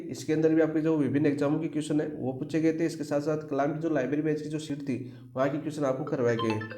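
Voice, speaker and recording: A man's voice: a little high, dark tone, roomy sound. A man teaching an exam-prep lecture who keeps asking the class questions and answering them himself.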